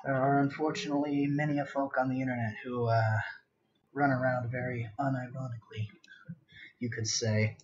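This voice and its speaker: A young man rambles casually and self-deprecatingly while drawing on an art livestream, in a medium-pitched, level voice at normal speed. His muffled home mic picks up background noise, including a laptop cooling fan.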